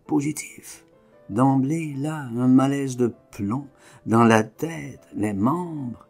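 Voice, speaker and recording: A man gives a slow, unhurried literary reading of a first-person novel, his voice gravelly with vocal fry. He breaks the text into short, clipped phrases and pushes some words hard while letting others drop away. Faint music plays underneath. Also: medium pitch. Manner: short, clipped phrases read with emphatic swings in loudness. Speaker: reader of a novel.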